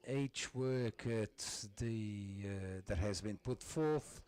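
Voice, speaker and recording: Slow, halting man. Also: fairly low pitch, darkish tone, clean tone. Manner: halting, stop-and-start delivery. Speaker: simultaneous interpreter. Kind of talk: live interpreting of ceremony speeches.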